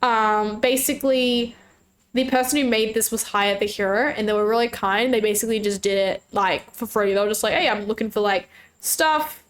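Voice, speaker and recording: Streaming a fishing game as a VTuber, this woman talks at normal speed in a steady, mid-range voice. Her live-stream chatter is bubbly and casual, peppered with squeals and laughter, and a slight sore throat comes through.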